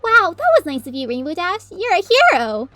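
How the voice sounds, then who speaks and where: A guileless, bumbling pegasus mare from a storybook performed by a woman, high-voiced and sweet. She is self-deprecating yet cheery, with music playing behind. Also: sing-song, normal speed, sharp tone, dry recording, exaggerated voice. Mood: cheering. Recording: music under the voice.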